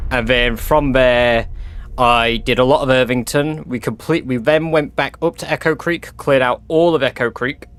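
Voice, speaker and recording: Man with soft R's that sound like W's. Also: mid-range voice. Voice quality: cannot pronounce R's, says w for r. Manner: informal, sweary. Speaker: game livestreamer. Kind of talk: casual livestream chat with game commentary.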